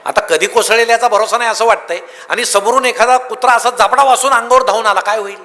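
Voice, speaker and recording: A man giving a humorous motivational speech, telling lively comic anecdotes to an audience. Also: extremely high pitch, fast talker. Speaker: motivational speaker. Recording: long hall reverb.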